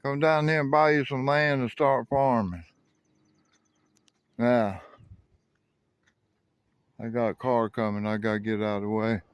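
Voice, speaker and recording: Filming beside a rural highway and railroad, a middle-aged South Carolina railfan vlogger narrates in a folksy, rambling way, often correcting himself. His medium-pitched voice is steady and smooth, a little slow with long pauses. The recording is dry, with the highs cut off.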